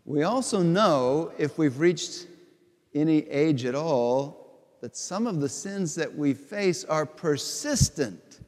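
A middle-aged man, a bishop, giving a homily at Mass in a slow, deliberate, conversational way with repeated phrases. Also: on the high side, lively intonation, darkish tone. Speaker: bishop preaching. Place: large church sanctuary before the altar. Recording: long church reverb.

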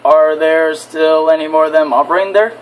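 A man's voice: fairly high pitch, steady tone, brisk, a little hiss or hum, close to an everyday voice, low-quality recording. A man voicing an old male steam engine who hesitates and gropes for his words. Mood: musing.

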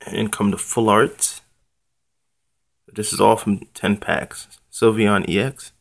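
A young man talking casually and haltingly, in a laid-back way, as the host of an unboxing vlog. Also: lowish voice, fairly even intonation, creaky. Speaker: trading card channel host.

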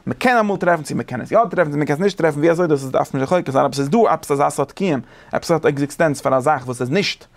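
Male teacher giving a casual study lesson. He talks quickly in a gravelly voice, animated and thinking aloud, often restarting his sentences. His voice sits somewhat high for a man.

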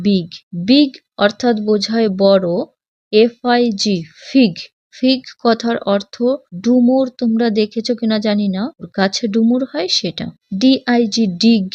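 A woman's voice: on the high side, dry recording. A woman teacher taking children through a textbook lesson, spelling each word letter by letter and then explaining what it means. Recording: dull lo-fi, dry.

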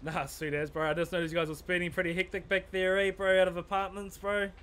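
A man's voice: high-pitched, little pitch movement, quick pace, a bit bright. A man with a broad New Zealand accent chatting casually in a police role-play game, sweary and matey, full of slang. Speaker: streamer playing a police officer.

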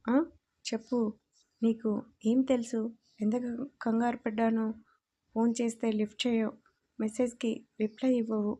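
A woman's voice: fairly high pitch, level tone, moderate pace, long pauses, mellow, lightly acted. A woman voicing a timid, tearful young wife who pleads earnestly in a storybook reading. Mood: pleading.

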